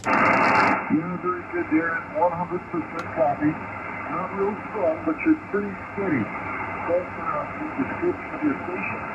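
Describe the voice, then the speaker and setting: An American man speaking as an amateur radio operator in halting, terse procedure talk, over a crackly radio link like military radio. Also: a little high, steady tone. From United States. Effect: crackly shortwave radio transmission, like military radio. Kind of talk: ham radio contact with call signs and phonetic letters. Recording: very narrow, noisy, crackly shortwave radio signal.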